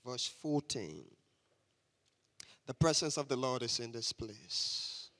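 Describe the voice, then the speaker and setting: A man's voice: mid-range voice, lively intonation, takes it slowly, bright, forceful tone. A man from Liberia, giving an emphatic sermon as a guest preacher and having the congregation repeat phrases after him. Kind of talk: church sermon. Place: church sanctuary. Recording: long church reverb.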